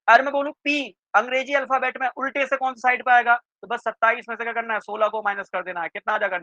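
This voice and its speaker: A man teaching a reasoning class for exam prep, quizzing students with quick questions and checking often that they follow. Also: high voice, sharp tone, no room sound. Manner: keeps checking in with students, asking "clear?". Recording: dry, slightly dull lo-fi sound.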